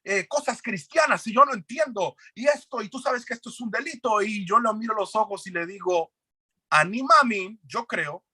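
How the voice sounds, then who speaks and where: A man's voice: high-pitched, moderate pace, pushed and bright, breathy edge, no echo. A man giving an earnest personal testimony as an interview guest, retelling events with quoted dialogue.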